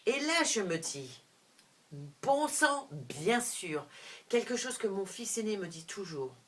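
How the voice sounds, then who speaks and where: A middle-aged woman telling a personal story to camera, animated, with frequent restarts, moving between hushed and loud. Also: medium pitch, a little slow. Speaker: vlogger.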